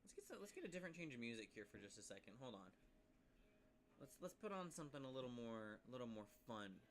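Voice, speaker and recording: A man's voice: mid-range voice, very animated, fast, slight background noise. A man casually reviewing a game class on a live stream, chatty and full of asides to viewers.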